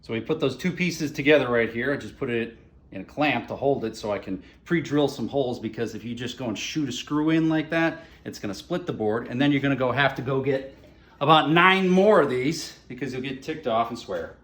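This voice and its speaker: Over clear background music, a morning radio host guides viewers through each step of a DIY project, his narration relaxed, folksy and wry. The man's voice is medium in pitch, fairly quick and fairly bright.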